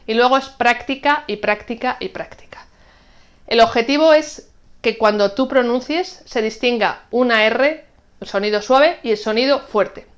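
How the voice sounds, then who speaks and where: A woman from teaching an online Spanish lesson, explaining rules clearly and patiently and saying example words slowly. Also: on the high side.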